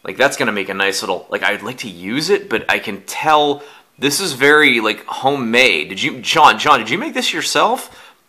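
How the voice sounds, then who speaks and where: A man chatting casually for an unboxing vlog, groggy and halting as if he just woke up. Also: mid-range voice, lively intonation, sharp tone. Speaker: YouTube vlogger.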